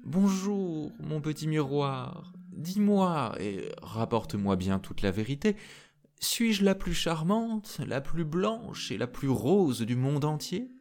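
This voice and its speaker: A man's voice: on the high side, big pitch swings, slow, a little mellow, a little hiss or hum, voice pushed up, exaggerated voice. A man playing a cruel, vain queen. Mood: preening. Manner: sweet-toned, preening. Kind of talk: storybook reading.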